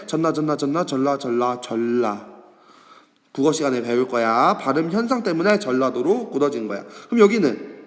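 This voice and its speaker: A man teaches a class in a lively, sing-song way, pitched a bit high and swinging up and down. He asks his students questions and then answers them himself. His voice trails off into a long reverb, as in a large bare room. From Korea. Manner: acts out students' questions in a higher voice. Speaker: high school history teacher. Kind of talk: online class lecture to students. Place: classroom or office, recording an online lesson.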